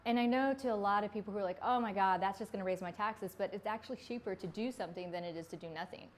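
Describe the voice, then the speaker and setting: A woman's voice: medium pitch, fast. A woman in her forties from Vietnam, a city council candidate talking earnestly in an interview, with plenty of ums. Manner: earnest, conversational, with frequent ums.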